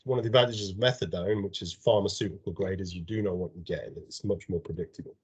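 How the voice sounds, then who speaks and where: A man's voice: low voice, fairly even intonation, fast talker, slightly rough. A man giving an informal drug and alcohol awareness training over a video call, explaining plainly and often restarting his words. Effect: heard over a video call. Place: home or office on an online meeting. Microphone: computer or headset mic on a video call.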